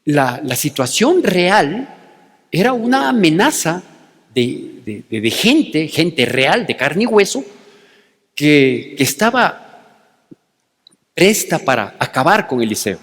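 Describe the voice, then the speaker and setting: Animated preacher in a reverberant church. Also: male voice, on the high side, slow pace, long pauses. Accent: Ecuadorian Spanish. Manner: conversational preaching, frequent "¿sí?" checks. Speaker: pastor. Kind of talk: sermon with Bible reading. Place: church sanctuary.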